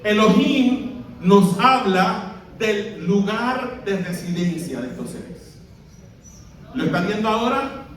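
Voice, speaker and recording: Heard from afar in a strongly echoing church hall with slight background noise, a high-voiced Puerto Rican pastor gives a slow, expressive sermon. He poses questions to the congregation and has them read along out loud.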